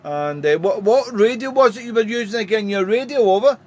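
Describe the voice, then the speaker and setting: A man with a British accent chatting as an amateur radio operator, deliberate and full of call phrases. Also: high-pitched, noisy background. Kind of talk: casual radio contact chat. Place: home radio room.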